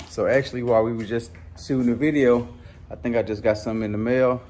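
Talking fast in a medium-pitched, steady, somewhat dark voice, this thirtysomething vlogger chats loosely to his handheld camera's foam mic on the driveway and in the garage. He rambles, leans on fillers constantly, and slight background noise sits under the audio.

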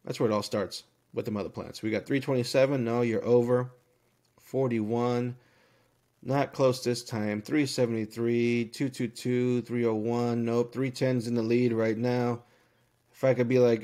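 Male live-stream host running a giveaway, hyped and quick, reads off viewer guesses with snap verdicts. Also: medium pitch, a little mellow. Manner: upbeat and hyped, rattling off numbers with quick yes-or-no verdicts.

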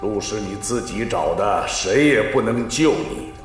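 A disembodied voice of an old martial arts master, low and solemn. It rings through a long cavernous reverb with faint music behind. He sounds commanding, like an unseen hermit in a kung fu film. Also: animated, unhurried.

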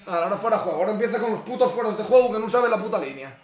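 Rapid-fire and animated, this young man's high voice carries a Spain Spanish accent as he streams his live reaction to a football match. He curses and vents his exasperation at the screen from an echoey room.

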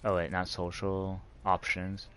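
A man's voice: sits low, monotone, measured pace, a little hiss or hum. A man streaming a team shooter live, chatting and laughing as he plays. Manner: chatty, laughing, reacting loudly to the game. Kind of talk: live gameplay chat.

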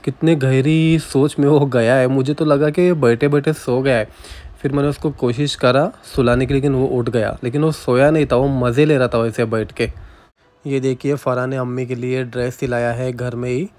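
A man's voice: mid-range voice, fairly even intonation, moderate pace, darkish tone. Chatty young man vlogging at home. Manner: chatty, teasing, playful with a toddler. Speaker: vlogger, husband and father. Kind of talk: casual family vlog chat.

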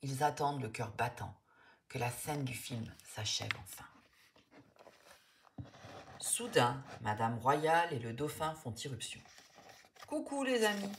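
A woman narrating a children's storybook in an expressive, lively way. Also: rumbling low, unhurried, pauses often, a little hiss or hum.

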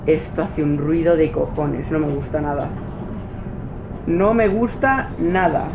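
A man's voice: fairly high pitch, a little slow, creaky, background noise. A man with a Spain Spanish accent doing let's play commentary, talking to his game character and nervously pleading. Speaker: gaming youtuber.

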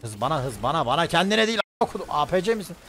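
A young man streaming a game, loud and excitable, swearing and yelling at his teammates. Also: fairly high pitch, very fast, a little hiss or hum. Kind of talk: live gaming commentary.

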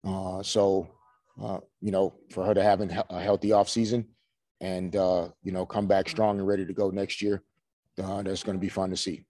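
A man in his forties, a head coach answering postgame press questions in a measured way, full of "you know" fillers, over a video call. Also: sits low, flat delivery, dark tone, no echo. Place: small room before a team logo backdrop. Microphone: video call webcam.

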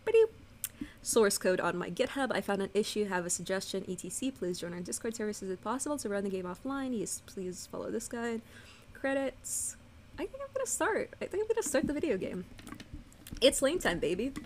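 A woman's voice: mid-range voice, lively intonation, fairly quick, a little hiss or hum. A young woman casually hosting a game playthrough with friends, giggling, swearing freely and trailing off into fillers as she reads the on-screen text aloud. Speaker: let's play host. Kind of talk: casual gameplay commentary with friends.

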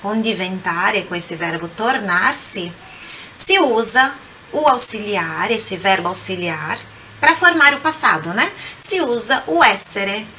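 A Brazilian woman teaching Italian pronunciation, slowly repeating words and coaxing the listener to say them aloud. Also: mid-range voice, expressive, pushed and bright, a little hiss or hum. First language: Portuguese. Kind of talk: language lesson.

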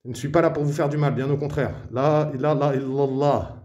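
A man from Morocco narrating a night exploration of an abandoned house, speaking in hushed tones, often whispering and murmuring Arabic invocations. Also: mid-range voice, fairly even intonation, a little fast. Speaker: paranormal explorer.

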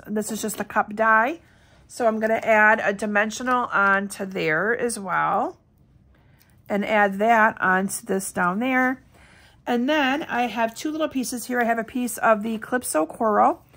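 A middle-aged woman walks viewers through making a card, talking in a chatty, upbeat way. Her voice sits a little high and sounds scratchy, with a lingering cough. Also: fairly bright tone. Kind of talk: casual crafting tutorial.

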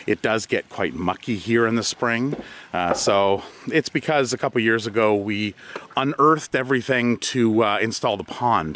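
A middle-aged man with a fairly low, slightly bright voice walks casually through his farmyard, explaining repairs for his farm vlog. He uses lots of fillers and light chuckles, and it's recorded outdoors on a handheld camera.

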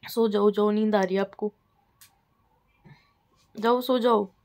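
A woman's voice: mid-range voice, steady tone, slow pace, darkish tone. Chatty young woman vlogging at home. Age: young adult. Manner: chatty, teasing, addresses viewers directly. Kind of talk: casual home vlog chat.

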